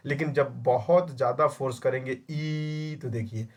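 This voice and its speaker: A man's voice: medium pitch, fairly quick, a little mellow. A young man teaching a Hindi grammar exam-prep class, scolding his students and drilling answers by repeating each question. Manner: scolding, calls students "my child". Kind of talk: online class lecture.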